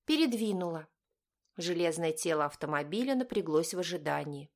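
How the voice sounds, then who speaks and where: A woman reading a novel as a scripted audiobook narration, in a measured, even way. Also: sits low.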